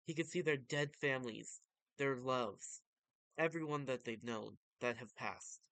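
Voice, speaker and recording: Male vtuber, casual fan commentary, mid-pitched clean smooth voice, close dry sound. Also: unhurried, fairly bright tone, no room sound. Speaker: vtuber reading and commenting on manga.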